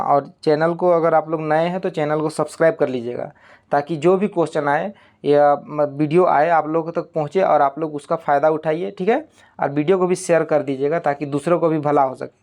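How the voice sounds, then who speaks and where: Exam-prep tutor, mid-pitched, patient, repetitive, walks through each point with frequent check-ins. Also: darkish tone. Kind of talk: recorded online exam-prep lesson.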